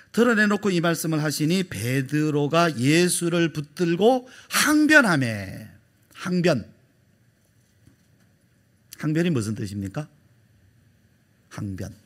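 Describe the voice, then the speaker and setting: Middle-aged pastor guy preaching, husky voice, big swings up and down, acts out quotes then goes to a whisper. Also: on the high side, big pitch swings, unhurried, pauses often, a bit bright. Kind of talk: sermon.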